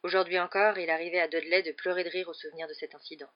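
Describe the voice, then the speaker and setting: Audiobook narrator, steady measured read; lo-fi, muffled recording. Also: medium pitch. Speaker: audiobook reader. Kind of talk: scripted narration. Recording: dull lo-fi recording.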